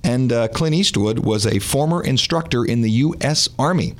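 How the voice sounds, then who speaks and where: A man's voice: medium pitch, lively intonation, moderate pace, background noise. A man with a congested, sick-sounding voice hosting a casual music radio show, talking with dry, wry humour.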